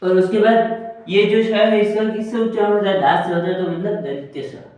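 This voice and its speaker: A man with a high-sitting, slightly mellow voice teaches a Hindi grammar lesson in a steady tone at normal speed. He explains slowly, repeating each point again and again and answering his own questions. The room is very echoey and he is far from the mic.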